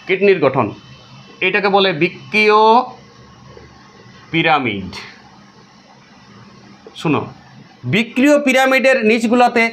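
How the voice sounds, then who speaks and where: A man's voice: fairly bright tone, slight background noise. A man teaching biology to a class, drilling his students with repeated questions and answers in an insistent way. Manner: quick, high-pitched and insistent.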